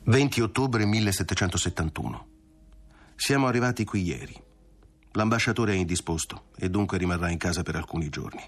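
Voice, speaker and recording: A man narrating a classic novel as an audiobook, with a measured, dramatic reading. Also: deep voice, animated, slightly rough, soft background music. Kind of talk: literary reading.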